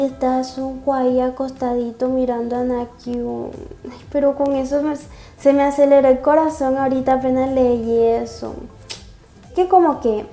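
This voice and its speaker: A young woman with a slightly high, warm voice reads a comic aloud as a webcomic reaction vlogger, gushing and sighing often. The room is echoey, and faint music plays in the background.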